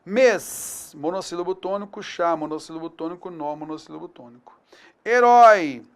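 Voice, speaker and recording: A man with a Brazilian Portuguese accent teaching an online exam-prep grammar lesson, upbeat and energetic, stressing key words loudly. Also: sits high, moderate pace, clear, resonant tone.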